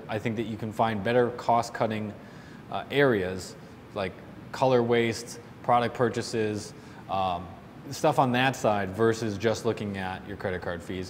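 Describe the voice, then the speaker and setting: A man hosts a question-and-answer show, answering listener questions about the salon business. His advice is casual, unscripted, opinionated and explanatory. The recording sounds like a roomy, reverberant hall with low rumbling noise.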